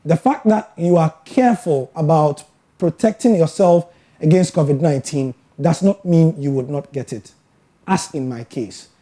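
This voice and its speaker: A Ghanaian sports broadcaster giving a scripted educational talk, telling his story in a measured, earnest way with emphatic pauses. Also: on the high side, warm tone. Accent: Ghanaian English.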